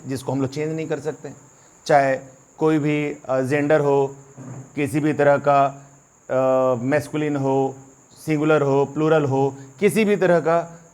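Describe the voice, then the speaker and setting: Hindi-speaking male grammar teacher, higher voice. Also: darkish tone. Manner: calls viewers friend often, mixes English into Hindi. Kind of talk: explaining lesson to students.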